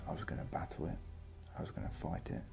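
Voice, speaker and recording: A man giving a reflective, personal vlog monologue, speaking earnestly in short, halting phrases. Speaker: vlogger. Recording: music behind the voice.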